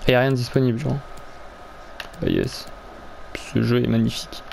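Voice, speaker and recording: A man's voice: mid-range voice, wildly swooping pitch, moderate pace, creaky, a little mellow, a little hiss or hum. A young man chatting casually while playing a video game, rambling, stumbling over his words and swearing now and then. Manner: crude slang and swearing. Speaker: gaming video creator.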